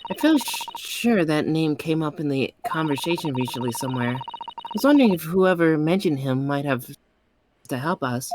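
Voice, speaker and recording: Brief: man playing a gentle young female assistant, soft, thoughtful, raised pitch. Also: animated, normal speed, background noise, natural voice. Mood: musing. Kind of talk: amateur game voice-over.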